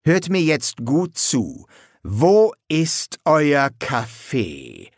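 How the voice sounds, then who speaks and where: A sullen vampire soldier, cold and clipped, sometimes bursting into wild shouts, as a male narrator puts him on. The voice rises and falls a lot. The sound is dry and close. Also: mid-range voice, animated, a little slow, dry recording. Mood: menacing. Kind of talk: audiobook character voice.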